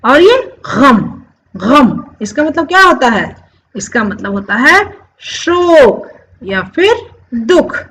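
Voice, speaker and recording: A woman teaching a Hindi lesson, explaining slowly and repeating each word many times while asking the viewers questions. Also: high-pitched, big pitch swings, a bit bright, rough recording. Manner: addresses viewers as friends, asks questions. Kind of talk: classroom-style lesson.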